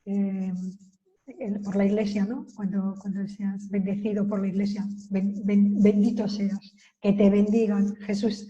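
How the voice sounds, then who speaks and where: A woman whose first language is Spanish gives a casual language lesson and repeats each English phrase patiently so it can be copied. Her voice is mellow and warm, at an ordinary pitch for a woman. The recording is a little dull and lo-fi. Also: level tone. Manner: explains slowly, repeats English phrases to model pronunciation. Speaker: language teacher.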